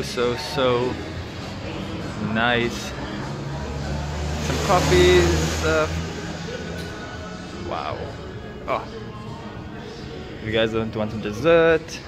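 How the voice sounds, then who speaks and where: In a cafe showcasing classic cars, an excited young man with a mid-range voice records a chatty, filler-heavy vlog. He holds his phone at arm's length with no lapel mic, so the audio picks up the loud background music.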